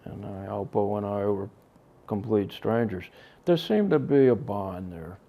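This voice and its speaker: An older man from Connecticut, a drummer, answering interview questions slowly and haltingly, with many pauses and trailing soft phrases. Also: fairly low pitch, gravelly, narrow, tinny audio. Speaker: drummer interviewed about his band.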